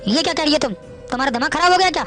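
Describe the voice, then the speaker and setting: A meek young brother. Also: female voice, high voice, very fast, a bit bright, faint music behind. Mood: angry. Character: young man, poor brother, touchy but meek. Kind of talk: Hindi family drama acting.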